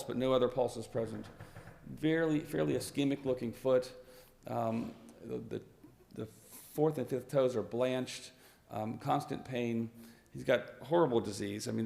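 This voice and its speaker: Male physician lecturer, raspy and hoarse, mid-pitched, halting delivery. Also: darkish tone. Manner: halting, with many fillers and restarts. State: hoarse, clearing his throat. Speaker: vascular physician presenting at a conference. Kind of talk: medical lecture on slides.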